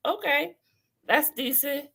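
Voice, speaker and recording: Lady hosting an online interview, talks slow, kinda bright sharp voice. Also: high voice, expressive, gravelly. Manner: unhurried, laughs easily. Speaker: host.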